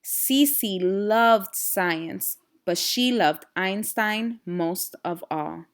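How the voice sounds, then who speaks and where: Speaking very slowly in a medium-pitched voice, a woman teacher reads a children's storybook expressively. She addresses the young listeners directly, teaching as she goes and posing simple questions.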